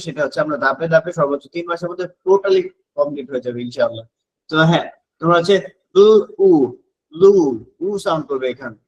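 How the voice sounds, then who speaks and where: Guy teaching kids phonics, kinda high voice, sounds everything out bit by bit, asks then answers himself. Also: poor audio. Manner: sounds out letters slowly, syllable by syllable; asks and answers his own questions. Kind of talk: online phonics lesson for children.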